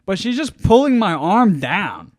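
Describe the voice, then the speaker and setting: Podcast co-host, man in his thirties, a bit high-pitched, dead-dry mic, rambling storyteller. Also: very animated, measured pace, dry recording. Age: 30s. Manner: rambling anecdote with acted-out quotes. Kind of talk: casual storytelling chat.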